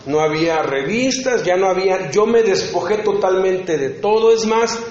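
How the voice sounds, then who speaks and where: At a prison ministry congress, a man preaches an earnest, personal sermon in a high-pitched, darkish voice, acting out short dialogues within his story. The conference hall sounds echoey and dull, with a little hiss or hum.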